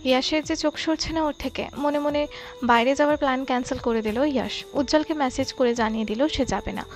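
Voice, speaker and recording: High-voiced woman narrating a love story. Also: brisk, soft background music. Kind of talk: scripted narration.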